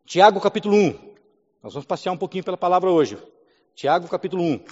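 A man's voice: high-pitched, expressive, fast, darkish tone. A male pastor preaching a sermon, building to emphatic declarations and calling for amens. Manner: preaching with rising emphasis, calls of amen. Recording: dull sound with long hall reverb.

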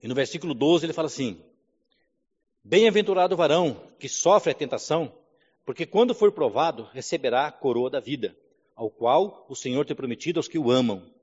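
A man's voice: a little high, animated, fairly quick, a little mellow, husky. Man preaching in an echoing church hall. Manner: preaching with rising emphasis, calls of amen. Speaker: pastor. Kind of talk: sermon. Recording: dull sound with long hall reverb.

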